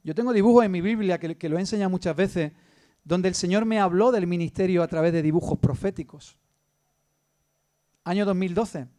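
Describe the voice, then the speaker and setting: A man with an Andalusian Spanish accent preaching a sermon as pastor, moving between loud emphasis and hushed storytelling. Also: high voice, brisk.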